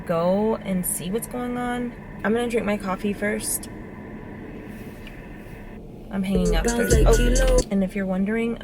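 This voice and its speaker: A woman's voice: mid-range voice, background noise. A young woman chatting casually to viewers in a vlog, talking into a handheld camera while running errands. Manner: chatty, addresses viewers directly. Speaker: vlogger. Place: car and around town, indoors and out.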